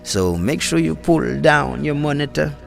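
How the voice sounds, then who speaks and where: A man hosting a live-stream conversation over a call. He talks in a halting way, repeating words and restarting often. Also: a little high, expressive, vocal fry, soft background music. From Haiti. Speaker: host and community organizer. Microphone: phone or call setup.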